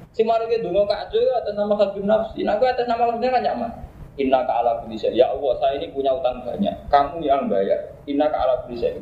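An Islamic preacher with a Javanese accent gives a casual religious talk in a slightly high voice, joking and laughing often while reciting Arabic verses. The recording is roomy, dull, and lo-fi, with a little hiss or hum.

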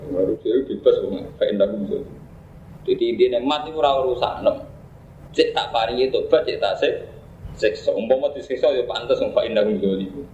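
A man with a Javanese accent, serving as an Islamic preacher, speaks in a medium-pitched, darkish voice during a casual religious talk full of jokes and laughter between Arabic verse recitations. The roomy, dull lo-fi recording carries a little hiss or hum.

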